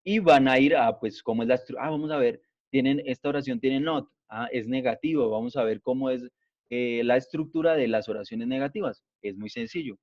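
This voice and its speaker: A male teacher giving an online grammar class, explaining slowly and patiently and checking in after each point. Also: mid-range voice. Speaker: English teacher. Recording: dull lo-fi online class audio.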